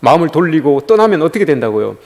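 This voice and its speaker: A man preaches a sermon with lively, swooping intonation, his voice sitting a bit high for a man. He drives his points home with emphasis and keeps turning to address the congregation directly. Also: fast talker. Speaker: pastor.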